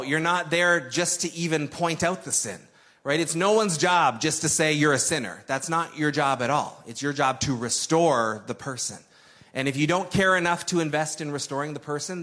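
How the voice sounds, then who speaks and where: A man's voice: on the high side, normal speed, fairly bright tone. A man preaching a sermon in a conversational, emphatic way, repeating key phrases for weight. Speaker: pastor.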